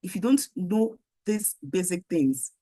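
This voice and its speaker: A guest speaker gives an online training presentation over a video call, her fairly low, dark voice going hoarse. She's animated and measured, talking conversationally with many fillers and rhetorical questions.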